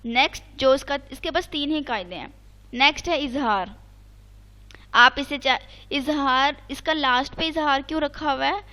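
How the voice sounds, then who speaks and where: Brief: high, clear female teacher; patient online recitation lesson, repeats and checks. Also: pushed and bright. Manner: chants Arabic examples slowly.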